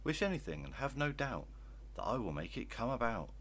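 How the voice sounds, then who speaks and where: A man voicing a kindly, brisk magic fairy in a children's storybook reading. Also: mid-range voice, very animated, slightly rough. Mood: brisk, helpful. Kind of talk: storybook verse character voice.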